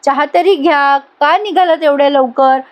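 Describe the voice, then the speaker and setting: A woman's voice: sits high, moderate pace, natural voice. A woman voicing a chatty, hospitable middle-aged aunt who insists. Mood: insistent.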